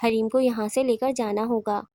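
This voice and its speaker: A calm, protective older man, read by a woman narrator in her own fairly high voice, steady and reassuring. The horror storybook recording is dry and close. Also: no echo, natural voice. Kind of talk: audiobook horror reading.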